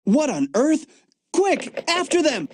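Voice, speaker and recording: A man's voice: sits high, sing-song, normal speed, a little mellow, dry recording, clean studio sound. A man voicing an upbeat young field agent in a video game, chatty and fond of jokes about gadgets and the cold. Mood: eager. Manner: chatty, jokey, enthusiastic. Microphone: dry studio mic.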